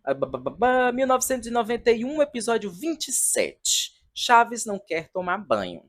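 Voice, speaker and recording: A man in his thirties reviews a comedy show in a casual, chatty and sentimental vlog, talking in front of a decorated wall at home. His voice is very high with huge pitch swings, at a normal speed.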